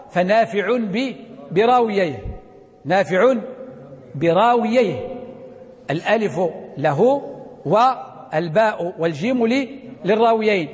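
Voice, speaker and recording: A man who teaches Quran readings gives a classroom lecture in a room with a blackboard, asking students questions and repeating key points. His voice is high-pitched and slightly rough, with a long reverb tail.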